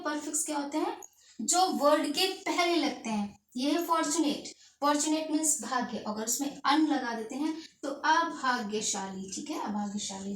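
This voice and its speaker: A woman teaching an English grammar lesson in Hindi and English, explaining step by step and checking in with "okay". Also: high-pitched. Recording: echoey room, distant mic, faint noise.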